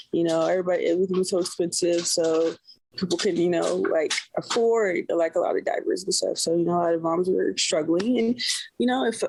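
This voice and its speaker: Speaking in a gravelly, darkish, rather low voice, a cloth diaper brand owner from the San Francisco Bay Area, USA, chats casually as a podcast guest. The low-quality recording carries a little hiss or hum, and she rambles with many fillers such as "you know."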